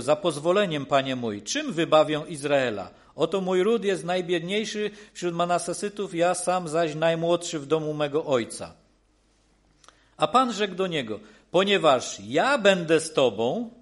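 A man preaching a sermon in an earnest, reassuring way, with frequent restarts and repeated phrases. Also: fairly high pitch.

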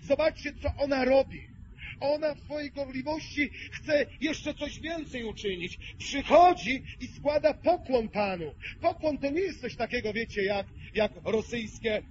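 Male preacher, high voice, impassioned sermon, muffled lo-fi sound. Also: measured pace, slight background noise. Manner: impassioned, swings between hushed and loud. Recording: muffled lo-fi recording.

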